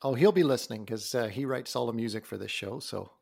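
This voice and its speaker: Gravelly male podcast host. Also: medium pitch, quick pace, darkish tone. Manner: curious, friendly questioner. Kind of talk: casual interview chat.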